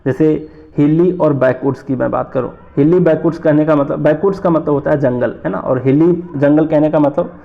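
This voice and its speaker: Man, exam tutor, gravelly, repeats terms, rhetorical questions, muffled lo-fi audio. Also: fairly high pitch, a little fast. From North India. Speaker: teacher. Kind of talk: exam-prep lecture.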